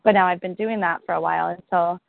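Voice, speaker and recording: A woman's voice: on the low side, fairly even intonation, quick pace, gravelly, no room sound. A woman chatting casually on a group call, thoughtful and hesitant, restarting her sentences. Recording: tinny phone-like call audio.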